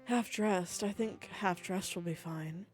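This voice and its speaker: A woman voicing a commanding, seductive aristocratic woman professor in a dating-sim game, speaking low, measured and composed. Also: a little mellow, soft background music.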